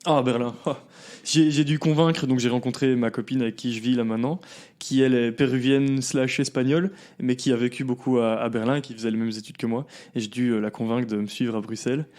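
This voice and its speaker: A man, a company founder chatting casually as a podcast guest, relaxed and full of fillers. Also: medium pitch, fairly quick. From southern Belgium. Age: 20s. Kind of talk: casual interview chat.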